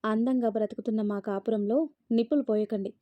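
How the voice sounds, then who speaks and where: A woman's voice: a little high, steady tone, brisk, dry recording, phone-quality sound, lightly acted. A woman voicing a cold young husband who curtly reproaches his wife. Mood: reproachful. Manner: curt, reproachful.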